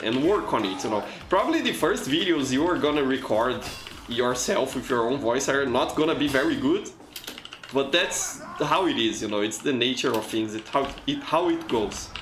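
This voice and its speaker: With game music playing and a roomy echo on the audio, a medium-pitched streamer from Brazil, a native Portuguese speaker with a Brazilian accent, plays a shooter live. He keeps up friendly, encouraging banter with his viewers and tends to repeat words as he talks.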